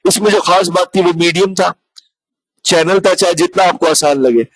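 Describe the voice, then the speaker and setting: A man leads an online revision lecture, talking to his students as friends and mixing English terms into his explanations. His voice sits fairly high, and the recording is dry and close with no room sound. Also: moderate pace, a bit bright, no echo, poor audio. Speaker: teacher.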